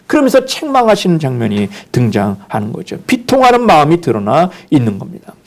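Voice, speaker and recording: Man, pastor, sermon, high voice, very animated pitch, acts out quoted lines. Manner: dramatic preaching, acting out quoted speech. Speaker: senior pastor.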